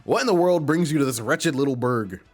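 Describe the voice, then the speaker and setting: A man's voice: mid-range voice, expressive, brisk, pitched above the performer's own voice, natural voice. A man voicing a fussy old male mushroom butler, throaty, pompous and genteel. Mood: fretful.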